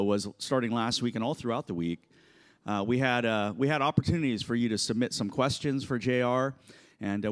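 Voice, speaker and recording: A middle-aged man moderating a church Q&A on stage, talking casually with many fillers into a handheld mic. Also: mid-range voice.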